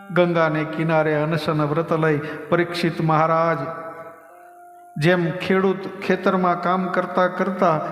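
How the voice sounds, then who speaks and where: A man with a Gujarati accent narrates a devotional scripture discourse, acting out the voices in his stories. His voice sits high for a man and carries a long reverb, as if he were recorded in a large hall. Faint instrumental music plays underneath. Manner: lively storytelling, acts out quoted voices. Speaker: Bhagavat katha storyteller.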